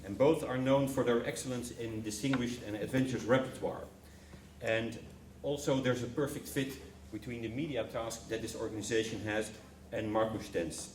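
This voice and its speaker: A broadcasting executive with a mid-range, steady voice welcomes guests at a normal speed in a formal English speech. He's hesitant and full of fillers, speaking in a hall at a contract signing ceremony, with a noisy background and roomy, distant sound.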